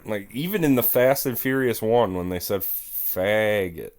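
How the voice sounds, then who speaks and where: A man's voice: on the low side, animated, unhurried, a little mellow. A man co-hosting a podcast, dry and teasing in casual chat. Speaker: podcast co-host.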